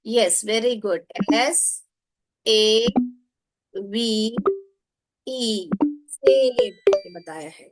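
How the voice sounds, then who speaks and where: A woman trainer runs an online workshop for teachers. She talks slowly and patiently, coaxing answers and spelling out letters one at a time. Her voice sits a little high. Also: a bit bright. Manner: coaxing, repeats prompts, spells letters aloud.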